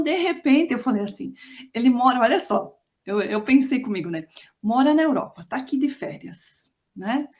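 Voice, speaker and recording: A Brazilian woman telling her own life story in a rambling way, with many tag questions and restarts. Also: fairly high pitch. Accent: Brazilian Portuguese. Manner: rambling, frequent "né?" tags and restarts. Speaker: storyteller recounting her past. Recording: slightly muffled lo-fi recording.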